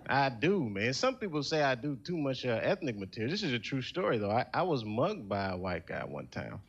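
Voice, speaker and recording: A man's voice: medium pitch, sing-song, fairly quick, breathy edge, lo-fi sound. A young man doing a stand-up set in a laid-back, conversational way, asking the crowd questions, on a stage before a studio audience. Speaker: stand-up comedian.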